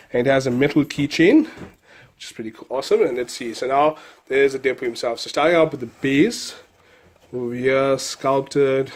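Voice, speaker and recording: Male hobby reviewer, South African accent, stuffy nose from a cold, upbeat, repeats himself. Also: mid-range voice. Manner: enthusiastic, repeats words, many fillers. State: nasal from a cold. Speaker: collectibles reviewer. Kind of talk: casual product review.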